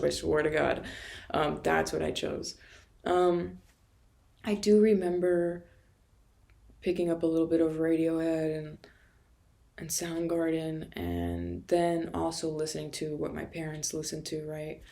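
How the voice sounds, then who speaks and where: A woman's voice: low voice, gravelly, a little mellow. A woman from Florida telling a rambling, profane, self-mocking story in a casual monologue and laughing often. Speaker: vlogger.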